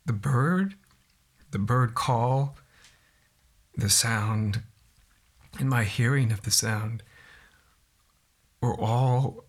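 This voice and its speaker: A man recounting a personal experience in a reflective, halting, soft-spoken way, as a guest in an interview. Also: mid-range voice.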